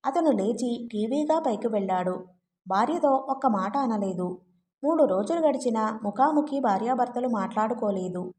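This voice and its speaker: A woman narrating a family novel as an audiobook in a steady, even storytelling manner. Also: a little high, moderate pace. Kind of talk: scripted narration.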